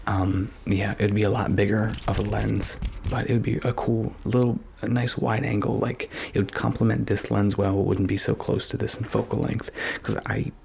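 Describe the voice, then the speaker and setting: A man doing casual ASMR, rambling and thinking aloud in a hushed, often whispered voice, close to a microphone in a small home studio. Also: fairly low pitch, flat delivery, normal speed, hardly any pauses. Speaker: ASMR video creator. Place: small home studio bedroom with acoustic panels. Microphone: stereo XLR microphone, close up. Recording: clear background noise, clicks.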